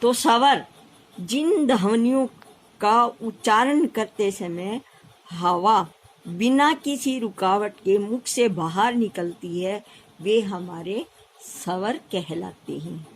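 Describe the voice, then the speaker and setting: A woman's voice: medium pitch, takes it slowly, poor audio. A woman primary school teacher with a Haryanvi Hindi accent, explaining a lesson patiently and repeating key terms. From India.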